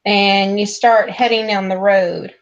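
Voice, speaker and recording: A woman guides her players through a tabletop adventure at an easy, slow pace. She fills her pauses with ums as she sets each scene. Her voice comes through an online call. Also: mid-range voice, level tone, lo-fi sound. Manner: unhurried, with frequent ums. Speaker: game master. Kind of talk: narrating a tabletop game.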